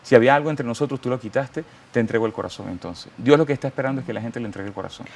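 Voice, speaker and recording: A man with a Venezuelan Spanish accent speaks at medium pitch in a rapid-fire, gravelly, slightly mellow voice, with a little hiss or hum in the background. He's a guest in a testimony interview, delivering a fervent, preacherly account and quoting scripture.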